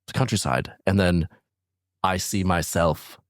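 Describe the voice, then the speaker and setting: Very deep-voiced man musing in comedy banter. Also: measured pace, no room sound, clean studio sound. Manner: self-satisfied, musing, rambling. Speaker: co-host of a comedy morning show.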